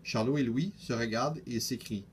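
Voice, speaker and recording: A teenage boy reading a children's picture book aloud, steady and careful, with small restarts. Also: medium pitch, normal speed, slight background noise. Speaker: student reader.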